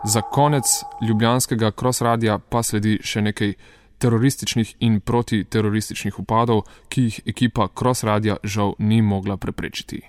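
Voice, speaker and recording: A man presenting a radio music show, reading out track and performer details in a measured announcing manner. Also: fairly low pitch, fairly even intonation, a little mellow. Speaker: radio host.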